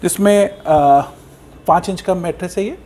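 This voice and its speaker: A man with an Indian accent and a fairly high voice delivers a conversational sales pitch as a company representative. He is emphatic and repeats his key points, with faint noise behind him. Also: measured pace, warm tone. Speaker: company representative presenting a product offer. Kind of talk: sales pitch in conversation, mixing Hindi and English.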